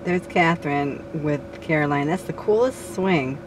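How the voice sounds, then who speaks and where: A middle-aged woman with a low, unhurried voice chats casually with her children, relatives and the camera as a family vlogger. The home video is handheld and noisy.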